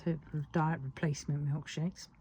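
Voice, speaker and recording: A British woman chatting casually while crafting, musing half to herself in a husky, breathy voice. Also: low voice, little pitch movement, moderate pace, mellow, a little hiss or hum.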